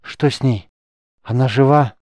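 A man's voice: mid-range voice, a little slow, darkish tone, dry recording, pitched above the performer's own voice, lightly acted. A man voicing a stubborn, hot-tempered young mage who is badly wounded and talks in a strained, urgent way. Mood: weak.

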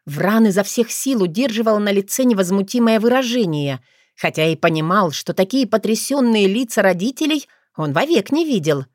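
A woman reading a fantasy audiobook aloud, her pitch rising and falling in a lively way. Her voice sits mid-range for a woman. The recording is dry and close with no room sound. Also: moderate pace, no room sound. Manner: expressive storytelling. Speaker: narrator. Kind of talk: audiobook narration.

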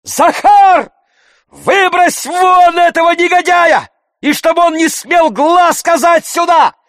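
A man voicing a furious gentleman who shakes with rage and shouts commands in a storybook reading. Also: extremely high pitch, takes it slowly, dry recording, clean studio sound, voice pushed up, full character voice.

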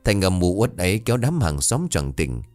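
Lively low-voiced male storyteller. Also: normal speed, soft background music. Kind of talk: scripted story narration.

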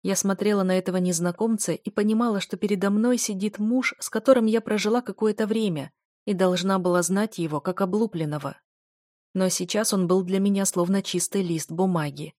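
A woman narrates a novel in first person at a steady, even pace. Her voice sits at a middle pitch and is recorded close and dry, with no room sound. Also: fairly quick, dry recording. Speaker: audiobook narrator.

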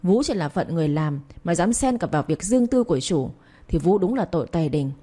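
A woman's voice: lowish voice, lively intonation, brisk, warm tone, husky. A woman reading the part of a young master who sternly interrogates a servant. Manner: cold, commanding questioning.

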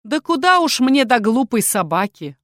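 Reading a storybook, a woman voices a sly young cat-shifter woman with honeyed, purring sarcasm and a mood of sugary mockery. The voice is fairly high, pitched above her own yet close to an everyday voice, with a darkish tone, lively intonation, and moderate pace, in clean studio sound with no room sound.

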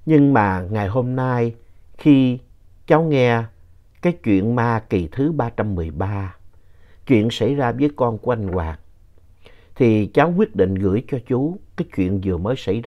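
A man narrating ghost stories sent in by listeners, telling them in an animated storytelling manner. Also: medium pitch, moderate pace. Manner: animated storyteller, voice rising in tense moments. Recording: dull lo-fi recording.

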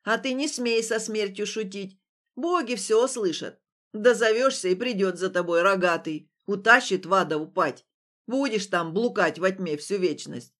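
A woman voicing a brusque, kindly old village woman in an audiobook, speaking in a lowered, louder, slow voice. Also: lightly acted. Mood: gruff. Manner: brusque, scolding.

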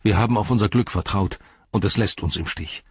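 A man voicing an exhausted, despairing male hobbit in an audiobook, speaking quietly. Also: lowish voice, a little fast, breathy edge, no room sound, dull audio.

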